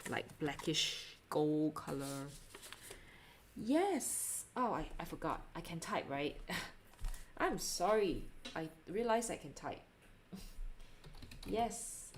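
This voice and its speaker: An art livestreamer, a young woman with a Singaporean accent and a slightly low voice, chats casually with her audience as she draws. Her delivery is halting, giggly and self-deprecating, with a bit of background noise.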